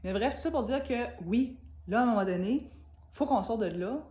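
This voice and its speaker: A woman's voice: fairly high pitch, expressive, a little fast, warm tone. A woman with a Québécois French accent giving an informal spiritual talk, chatty and earnest, speaking straight to her viewers. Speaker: spiritual teacher. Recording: roomy echo.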